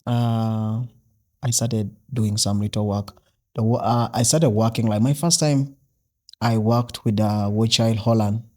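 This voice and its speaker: A man's voice: fairly low pitch, steady tone, unhurried, dark tone. A young man from South Sudan, a podcast guest talking casually with many fillers and restarts. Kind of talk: casual interview.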